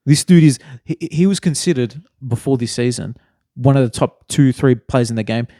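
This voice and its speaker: Young man, Australian accent, animated rambling podcast chat, mellow, dry close mic. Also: medium pitch, normal speed, dry recording. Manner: animated, rambling, lots of bro and mate. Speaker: podcast co-host. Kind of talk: casual chat.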